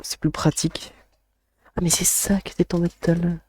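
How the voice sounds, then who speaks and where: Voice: mid-range voice, flat delivery, normal speed, darkish tone, a little hiss or hum. A video game streamer chatting casually to viewers while setting up a game, muttering to themself and swearing now and then. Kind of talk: casual live-stream commentary.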